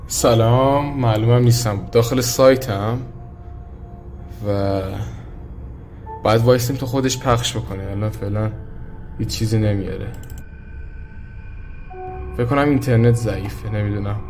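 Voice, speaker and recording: A man's voice: on the low side, fairly even intonation, long pauses, darkish tone. A man with an Iranian Persian accent giving informal, off-the-cuff commentary as host of a casual reaction vlog. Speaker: video creator hosting a screen exploration. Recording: echoey room, music behind.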